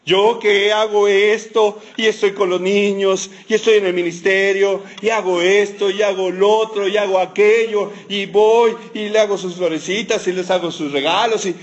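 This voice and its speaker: A man voicing Moses as a put-upon man complaining to God in a high, drawn-out, self-pitying whine. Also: fairly bright tone, muffled recording. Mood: aggrieved.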